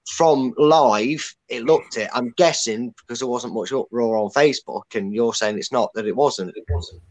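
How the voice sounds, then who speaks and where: A man's voice: medium pitch, normal speed, a little mellow, poor audio. A man talking football casually as a fan pundit, blunt and repeating his points for emphasis.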